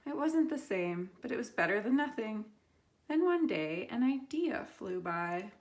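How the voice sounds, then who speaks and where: A woman teacher with a fairly high voice reads a children's picture book aloud. Her phrasing is expressive and deliberate, punctuated by dramatic pauses.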